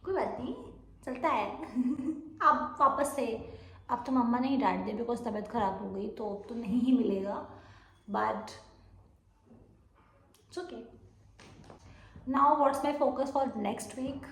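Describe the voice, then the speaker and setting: A high-voiced young woman rambles through a casual vlog update while she is feeling unwell. She pokes fun at her own muddled talk and keeps losing her thread. The room around her is noticeably echoey. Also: slight background noise. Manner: rambling, self-mocking, mixes Hindi and English; says she talks very fast. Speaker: vlogger.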